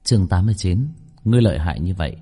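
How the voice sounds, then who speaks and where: A man reading a story aloud as an audiobook narrator, with a lively storytelling delivery. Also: low-pitched, very fast, slightly rough. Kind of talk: scripted narration. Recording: long reverb.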